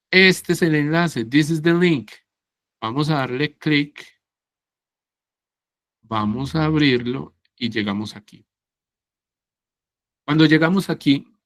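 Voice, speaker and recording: Slow, patient male English teacher. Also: medium pitch, a bit bright, no room sound. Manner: slow, patient, checks understanding with "¿sí?" and "¿cierto?". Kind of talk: online class explanation.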